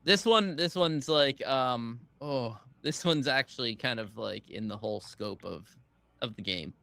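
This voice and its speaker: Man, podcast co-host, bright tone, hesitant, laughs easily. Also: medium pitch, animated, unhurried, vocal fry. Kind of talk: casual chat.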